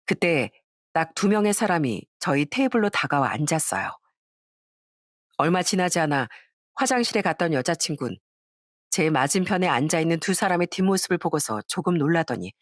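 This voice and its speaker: A woman reading out a scripted drama story as its narrator, in a calm storytelling way. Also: deep voice, normal speed, no echo, studio quality.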